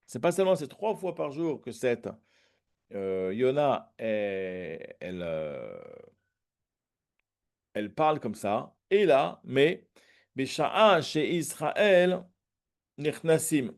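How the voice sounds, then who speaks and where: A man's voice: mid-range voice, big pitch swings, takes it slowly, creaky, pauses often. A man teaching a Talmud lesson, reading each phrase and then translating and explaining it. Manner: hesitant fillers and restarts.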